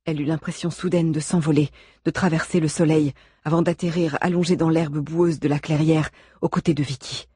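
Husky, dry-voiced audiobook narrator. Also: mid-range voice, steady tone, warm tone, no echo. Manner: measured, suspenseful reading.

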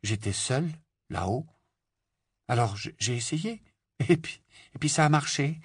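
A man's voice: on the high side, expressive, normal speed, dry recording, studio quality, voice pushed up. Hermione, a man voicing a nervous teenage witch. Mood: flustered. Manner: nervous, stammering, pleading. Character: anxious, studious teenage girl witch.

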